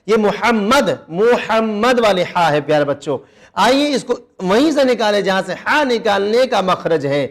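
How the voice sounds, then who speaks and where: High-voiced man teaching Quran reading to children. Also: lively intonation. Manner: patient, repeats each word slowly for children. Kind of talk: children's recitation lesson.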